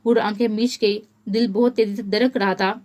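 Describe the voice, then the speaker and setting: A woman narrating a romance novel as an audiobook in a steady, even storytelling manner. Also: mid-range voice, moderate pace.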